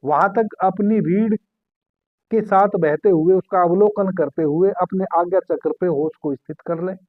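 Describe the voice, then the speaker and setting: Calm man guiding meditation, phone-like sound. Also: high voice, no echo. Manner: slow, calm, repeating key phrases. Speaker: spiritual meditation teacher. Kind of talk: guided meditation instruction.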